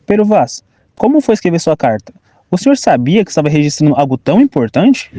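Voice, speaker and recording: A man's voice: on the high side, very animated, fast talker, dark tone, no echo. A young man interviewing on a school podcast, reading questions carefully.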